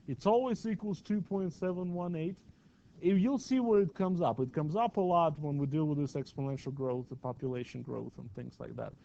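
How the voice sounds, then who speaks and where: Man, math teacher, classroom lecture, chatty, asks the class questions, slightly high voice, muffled lo-fi sound. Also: gravelly, warm tone, a little hiss or hum.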